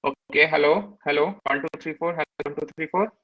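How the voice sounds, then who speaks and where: A man giving a technical talk over a video call through an earphone mic, his audio choppy and breaking up, speaking haltingly with many fillers. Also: on the high side, no room sound. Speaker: technical presenter. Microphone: earphone headset mic. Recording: dull lo-fi video call line.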